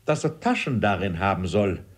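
A man voicing an excitable, fussy father, insistent and raising his voice. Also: lowish voice, normal speed. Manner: insistent, fretful, raised voice.

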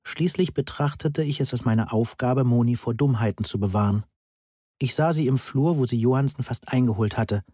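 A man reading a German audiobook in first person, with a measured, wry delivery. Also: mid-range voice, mellow, slightly rough, dry recording, studio quality. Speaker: audiobook narrator.

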